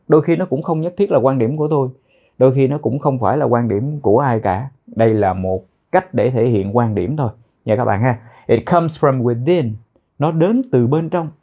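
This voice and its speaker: A man's voice: fairly high pitch, warm tone, lo-fi sound. A male teacher explaining and repeating English phrases one by one, drilling their pronunciation and meaning.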